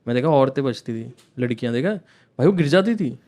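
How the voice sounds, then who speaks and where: A man's voice: medium pitch, expressive, fairly quick, a little mellow. A young man from India telling a story as a stand-up comedian, chatting with the crowd and acting out scenes as he goes. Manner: chatty, keeps checking in with the crowd, acts out scenes. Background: audience laughter.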